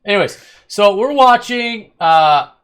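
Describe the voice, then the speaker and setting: A man's voice: sits high, lively intonation, measured pace, a bit bright, clear, resonant tone. Rambling, opinionated man reviewing anime. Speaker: host of an anime review channel. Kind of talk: casual review chat.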